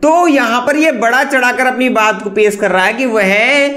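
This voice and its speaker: A man's voice: extremely high pitch, normal speed, bright, forceful tone, roomy sound. A man hosting an online English class, explaining in a chatty way with rhetorical questions and lots of repetition. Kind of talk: explaining lesson.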